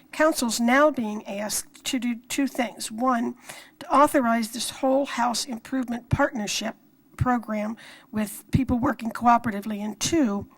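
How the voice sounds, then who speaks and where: A woman with a fairly high voice presents formally as a council member. Her delivery is measured and a little halting, as from prepared notes. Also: low-quality recording. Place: council meeting room.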